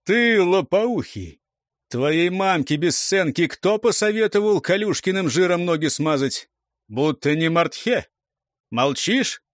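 A man's voice: high voice, lively intonation, a little slow, dry recording, clean studio sound, pitched above the performer's own voice. A man reading the part of a stern old warrior who scolds and interrogates youngsters in an audiobook. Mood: scolding. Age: older. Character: stern old male warrior, sharp-tongued. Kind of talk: audiobook character voice.

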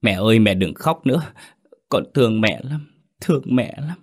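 A man's voice: medium pitch, lively intonation, moderate pace, slightly rough, pitched above the performer's own voice. A man voicing the sulky, grieving ghost of a young girl in a spoken ghost story, with a sobbing, reproachful delivery. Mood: tender. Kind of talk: storytelling narration.

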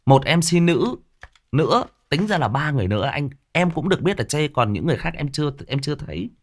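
Defensive Northern Vietnamese man, lively pitch. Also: fast talker. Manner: defensive, repetitive, with many fillers and restarts. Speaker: audiobook narrator answering a listener. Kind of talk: unscripted direct address to a commenter.

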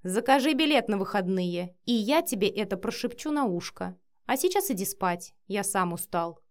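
A woman's voice: mid-range voice, expressive, normal speed, close to an everyday voice. A woman reading the lines of a short-tempered, domineering man who growls, swears and gives orders, in an audiobook. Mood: calm.

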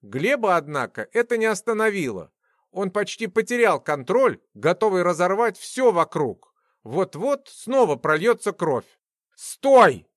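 Expressive male audiobook narrator. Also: sits high, normal speed, dry recording, clean studio sound. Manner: expressive storytelling. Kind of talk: scripted fantasy narration.

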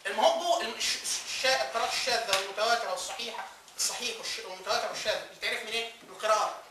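A high-voiced man with an Egyptian Arabic accent speaks rapid-fire in a classroom lecture, quizzing his students and then answering for them. The sound is echoey and distant, with background noise.

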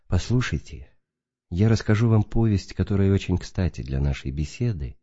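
A man solemnly reading a spiritual letter aloud in a slow, didactic way. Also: low voice, expressive, dark tone. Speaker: reader. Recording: dull lo-fi recording.

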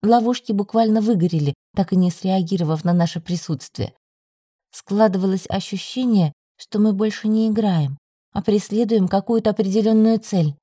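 A woman reading an audiobook in an even, measured way. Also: medium pitch, husky, no echo, clean studio sound. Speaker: audiobook narrator. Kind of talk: scripted narration.

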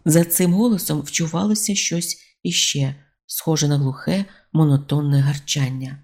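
An audiobook narrator reading a comic fantasy novel in an even storytelling delivery. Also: mid-range voice, normal speed.

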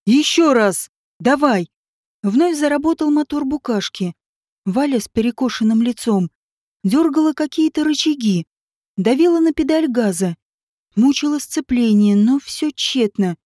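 Woman reading a novel, high mellow voice, steady, dry sound. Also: normal speed, dry recording. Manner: steady storytelling. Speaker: audiobook narrator. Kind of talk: scripted narration.

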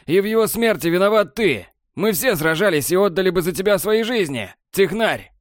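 A man voicing a shocked, desperate male stalker whose voice rises high and strained. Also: animated, normal speed, clean tone, dry recording, studio quality. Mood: anguished. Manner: raised, strained, high-pitched outcries.

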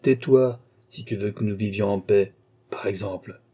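A man reading the part of a calm, dignified nobleman officer in an audiobook. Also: on the low side, husky. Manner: measured, dignified, firm.

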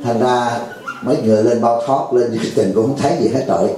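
A man's voice: medium pitch, fast talker, dark tone, heavy reverb, low-quality recording. A man giving a dharma talk to a lay audience, jovial and teasing, acting out a pleading caller. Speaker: Buddhist monk teacher.

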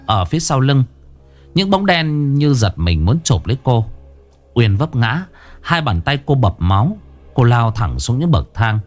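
A man narrating a horror story in a dramatic, measured way. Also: medium pitch, sing-song, faint music behind.

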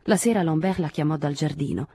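A woman with a low, husky voice reads a novel aloud in a measured, expressive way. The sound is dry and close, with no room around it. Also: no echo. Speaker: audiobook reader. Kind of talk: literary audiobook narration.

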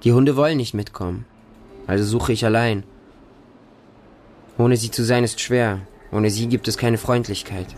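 An actor narrates a radio drama as a hardened, bleak homeless Russian street boy, speaking in short, plain, stark present-tense sentences with a desolate mood. His medium-pitched voice is a little mellow and natural, fairly even in intonation, at a moderate pace with frequent pauses, over slight background noise.

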